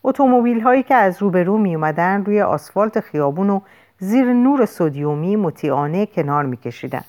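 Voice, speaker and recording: A woman reading a first-person audiobook with an expressive, dramatic delivery. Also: mid-range voice. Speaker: audiobook narrator.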